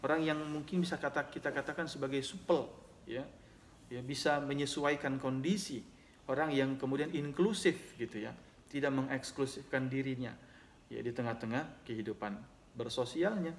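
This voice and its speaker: A man's voice: medium pitch, moderate pace, slight background noise. A man giving a religious lesson, reciting Arabic hadith text and then explaining it at length, often adding "ya" between phrases. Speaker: Islamic teacher.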